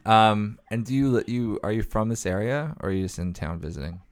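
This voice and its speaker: Male caller, deep clean tone, informal and a little unsure in conversational delivery. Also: brisk, no echo. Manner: awkward, hesitant. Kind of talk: casual banter and phone chat.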